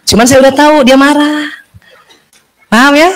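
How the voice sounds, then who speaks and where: A woman giving a lively religious talk to an audience of women, acting out quoted dialogue and laughing often. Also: high voice, normal speed, poor audio. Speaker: religious lecturer.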